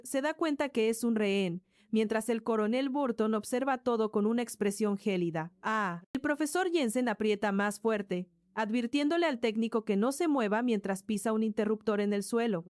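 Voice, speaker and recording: A woman's voice: on the high side, darkish tone, no echo, clean studio sound. A woman narrating a story in a scripted way, voicing sound effects like crashes and thuds along the way.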